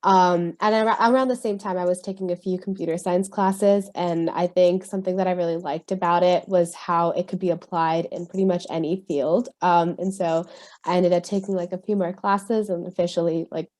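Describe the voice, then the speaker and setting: A young woman from California answers questions on a video call panel. Her voice sits low and sounds mellow and soft-edged. She hesitates often and fills her pauses with ums and likes. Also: steady tone. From California, USA. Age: 20s. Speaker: university student panelist. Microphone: video call mic.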